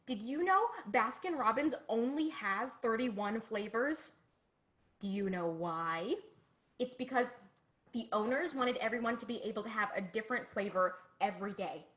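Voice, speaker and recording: A woman with a fairly bright, high-leaning voice plays a naive, sheltered young girl in an online play, delivering a dramatic monologue framed as her own cooking show. She chats eagerly and earnestly at a moderate pace with lively intonation.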